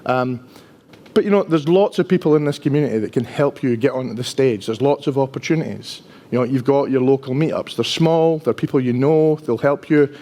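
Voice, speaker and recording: He speaks briskly in a medium-pitched, dark voice. The speaker, an IT engineer in his fifties from Dundee, Scotland, has a strong Dundonian accent and gives a relaxed, talkative conference presentation, poking fun at himself and often tacking "right?" onto sentences.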